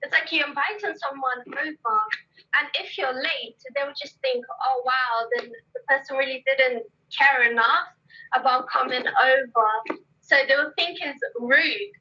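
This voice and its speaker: A woman's voice: high-pitched, unhurried, sharp tone. A woman, an English teacher, chatting in an interview, bubbly and laughing often. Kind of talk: casual interview chat. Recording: dull lo-fi sound.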